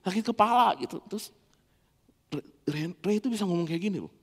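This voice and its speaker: Pastor, high and very animated, playful sermon delivery, long church hall reverb. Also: male voice, a little fast, husky. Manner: animated, playful, acts out dialogue. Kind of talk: lively sermon with humorous anecdotes.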